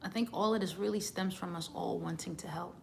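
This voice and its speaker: A woman's voice: fairly low pitch, fairly even intonation, a little fast, creaky, slight background noise. A woman, a singer, giving an earnest motivational talk, often repeating words as she starts a thought.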